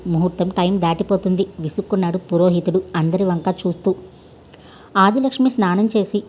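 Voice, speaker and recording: Warm-voiced woman reading a story. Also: mid-range voice. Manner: voices each character's lines, rising in heated quarrels.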